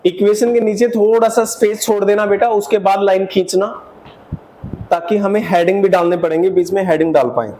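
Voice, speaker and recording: A man with a high voice teaches accountancy to a class. He keeps asking the students questions and then answers them himself, and he drops English accounting terms into his sentences. A faint hiss of noise sits behind him. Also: steady tone, a little fast, dark tone. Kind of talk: classroom lecture.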